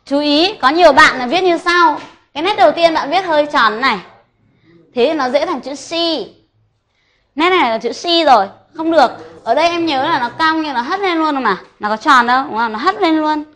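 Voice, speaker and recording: A woman's voice: sits high, fairly quick, fairly bright tone. A woman teaching a classroom Japanese lesson, patiently correcting students and drilling words.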